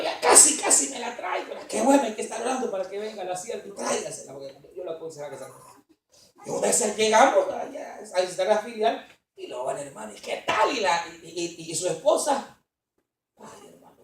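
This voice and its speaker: A man preaching a sermon as pastor at a conference, telling stories with lively energy and often calling out to the congregation. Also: very high-pitched. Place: church conference hall. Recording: echoey hall, voice from far off.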